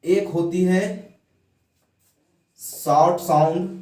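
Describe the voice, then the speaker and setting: A man's voice: high voice, steady tone, drawn-out words, a little mellow, reverberant, recorded from a distance. A man teaching English grammar in a classroom lesson. He puts questions to the students, answers them himself, and has them repeat words after him.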